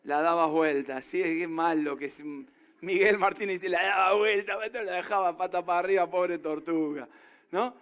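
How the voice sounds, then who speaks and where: A man's voice: a little high, steady tone, normal speed, clear, resonant tone. A man preaching a sermon in an Argentine accent, emphatic and constantly throwing questions at the congregation. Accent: Argentine Spanish. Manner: emphatic, peppers talk with rhetorical questions to the crowd. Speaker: pastor.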